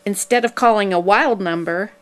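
A woman reading scripted narration for a promotional video in a measured, explanatory way. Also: medium pitch.

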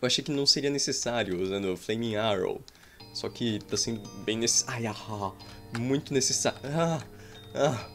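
A Brazilian man in his thirties, speaking with a Brazilian Portuguese accent, provides jokey commentary over his own gameplay. His medium-pitched voice has a fairly bright tone and a normal speed, and he exclaims and sighs at what unfolds on screen. He records from a small room at home, with faint game music in the background.

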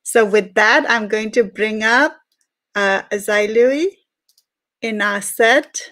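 A woman's voice: a little high, slow, fairly bright tone, dry recording. A middle-aged woman hosting an online interview show, speaking with a smile into a headset on a video call. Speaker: show host. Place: small room indoors.

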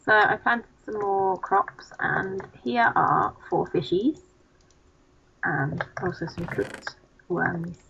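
A woman's voice: lowish voice, slow pace, creaky, fairly bright tone, a little hiss or hum. A young woman hosting a co-op game video, chatting in a rambling, giggly, self-mocking way. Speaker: let's play host. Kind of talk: casual co-op gaming chat. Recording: dull lo-fi mic.

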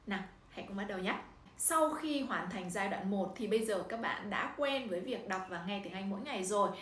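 A woman's voice: medium pitch, a little fast. Vietnamese woman teaching, echoey room. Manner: animated, exaggerates intonation in demos. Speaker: language-learning tutor. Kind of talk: instructional video talk. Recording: echoey room, somewhat distant mic, faint noise.

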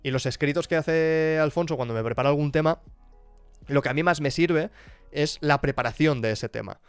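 A man's voice: fairly high pitch, normal speed, clean tone, no room sound, faint music behind. A man from chatting casually on a live stream about his work, thinking aloud with frequent restarts and asides. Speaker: streamer and YouTuber.

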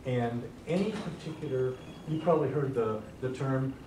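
A man taking part in a church class discussion, deliberate and argumentative, searching for his words. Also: mid-range voice, background noise. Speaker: class member. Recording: echoey room, mic far off.

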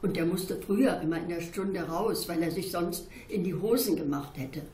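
A woman's voice: fairly low pitch, normal speed, dark tone, slight background noise, lightly acted. A woman reading aloud and voicing a curious, outspoken schoolchild who keeps asking why. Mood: indignant. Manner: insistent questioning. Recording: roomy echo.

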